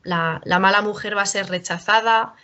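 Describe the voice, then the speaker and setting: A woman's voice: mid-range voice, fairly even intonation, moderate pace, pushed and bright, dull audio, slight background noise. A woman gives a university talk as a writer, speaking conversationally with frequent rhetorical tag questions and self-corrections. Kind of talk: lecture.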